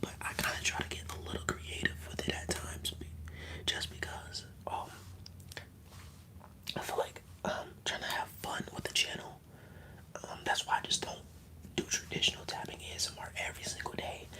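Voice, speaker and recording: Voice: moderate pace, pushed and bright, rough recording. An ASMR streamer whispering in a casual, rambling, slangy way while chatting on a livestream. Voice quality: whispered, mostly unvoiced.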